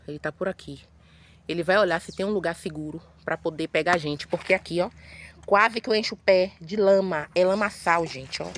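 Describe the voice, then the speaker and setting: A woman's voice: on the low side, a little hiss or hum. A woman, a mother and vlogger, chatting casually to viewers as she walks outdoors through muddy woods, filming on a phone. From Bahia, Brazil. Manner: chatty, exclamatory, keeps calling out to viewers. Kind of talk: casual vlog narration to viewers.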